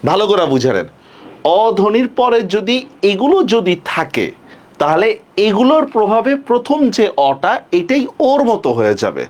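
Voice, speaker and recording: A man's voice: sits high, huge pitch swings, moderate pace. A man teaching a live online class, repeating questions and checking often that students follow.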